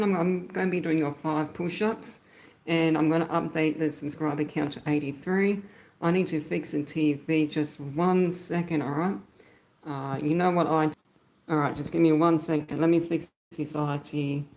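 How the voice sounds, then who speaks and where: A man's voice: on the high side, gravelly. An Australian man chatting casually on a phone livestream, thanking viewers by name as he goes. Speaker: YouTuber live-streaming.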